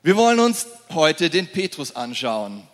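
Male preacher, lively sermon, fairly high voice; long hall reverb. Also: unhurried. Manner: lively, laughs often, acts out scenes. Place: church hall.

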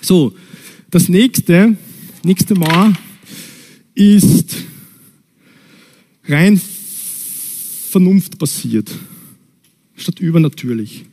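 A middle-aged man, preaching and telling personal stories in a lively, storytelling way. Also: very slow, long pauses. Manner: lively storytelling, pitch jumps up when stressing points. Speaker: pastor.

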